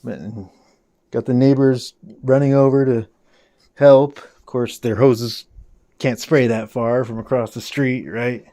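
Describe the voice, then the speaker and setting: A man's voice: mid-range voice, level tone, slow pace, dark tone. A man vlogging, telling a rambling story in casual talk and swearing often.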